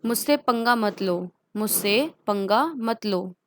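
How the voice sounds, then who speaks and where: Slow, deliberate woman teaching phrases. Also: medium pitch, animated, fairly bright tone, a little hiss or hum. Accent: Indian. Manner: says each phrase twice, very slowly, then explains quickly. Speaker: English teacher. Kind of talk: spoken English lesson.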